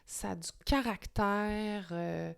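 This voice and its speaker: Young Québécois woman host, casual and excitable, mid-range voice, lots of "euh" and restarts. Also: medium pitch, slow pace, creaky, smooth. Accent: Québécois French. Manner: enthusiastic, chatty, many fillers and restarts. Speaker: wine show host. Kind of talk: casual wine review to camera.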